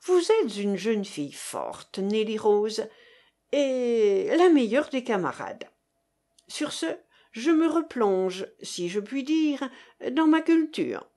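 A woman's voice: fairly high pitch, sing-song, takes it slowly, dark tone. A woman voicing a tall bearded young man who teases his colleague in a mock-solemn, gallant way. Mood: teasing.

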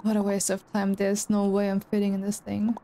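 A woman's voice: mid-range voice, monotone, a little fast, mellow, slight background noise. A woman, chatting casually to her viewers while playing a game. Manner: chatty, talks to chat. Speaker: streamer. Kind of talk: casual gameplay commentary. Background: game music.

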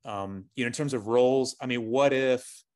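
A man's voice: mid-range voice, normal speed, a little mellow, no echo, studio quality. A man who leads a school, speaking on a video-call panel and running through a list of ideas with many fillers along the way. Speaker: school leader. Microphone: webcam on a video call.

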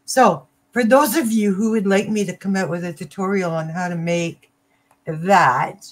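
An older woman with a slightly low voice and a slow pace. She hosts a casual livestream from home, talking haltingly and often trailing off to rephrase. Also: steady tone. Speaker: crochet livestream host. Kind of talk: casual chat. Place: small cluttered room at home. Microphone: computer mic on a video call.

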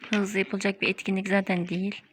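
A woman's voice: medium pitch, flat delivery, fast. A woman filming a home craft video, patiently instructing her children at a table. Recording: loud noisy home recording.

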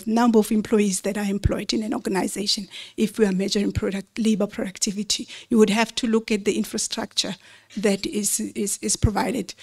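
At a convention, a woman walks through slides in a measured, teacherly style, sprinkling in rhetorical questions. She has a medium-pitched, somewhat dark voice.

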